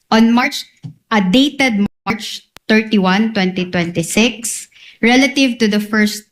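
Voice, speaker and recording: A woman's voice: mid-range voice, low-quality recording. A woman with a Filipino accent speaking as a lawyer in formal cross-examination, putting leading questions methodically, item by item.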